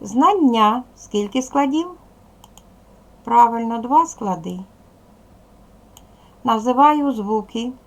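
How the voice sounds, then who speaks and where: A woman teacher with a Ukrainian accent, giving a slow and clear lesson to young pupils and spelling out sounds one by one. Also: on the high side, expressive. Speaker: primary school teacher. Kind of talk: slow, clear classroom instruction.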